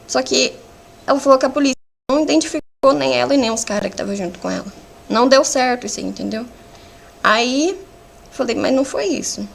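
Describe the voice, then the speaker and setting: Brief: Brazilian woman, defendant on the stand, raised pitch, rough gravelly edge, halting fragmented retelling. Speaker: defendant under questioning. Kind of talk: courtroom testimony. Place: courtroom hearing.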